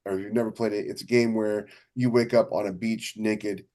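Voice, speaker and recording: A podcast co-host who is also a science fiction author chats casually, talking enthusiastically and emphatically and often repeating himself. His voice is on the low side, steady and a little mellow, and he speaks fairly quickly.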